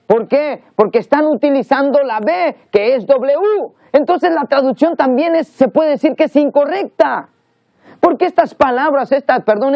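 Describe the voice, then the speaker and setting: A man's voice: extremely high pitch, dry recording. A man preaching a teaching sermon, explaining earnestly and repeating words as he searches for the next one. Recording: dull lo-fi sound.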